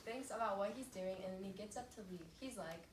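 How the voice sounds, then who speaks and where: A woman student narrating a history class presentation in a lively, jokey storytelling manner. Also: mid-range voice, fast talker, noisy background. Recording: echoey room, distant mic, music.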